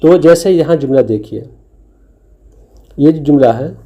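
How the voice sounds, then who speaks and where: In a recorded lesson explaining a slide, a man teaches Urdu letters, patiently sounding out letters and syllables one at a time. His voice is a little high and mellow, he speaks unhurriedly, and the sound is lo-fi.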